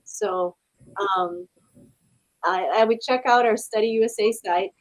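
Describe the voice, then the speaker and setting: A woman with a fairly high voice hosts a live online Q&A, chatty and loose, with lots of ums as she reads viewer questions aloud. Her sound is dry and close, like a video call. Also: very animated, measured pace, dry recording, low-quality recording. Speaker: webinar host. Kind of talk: live webinar Q&A.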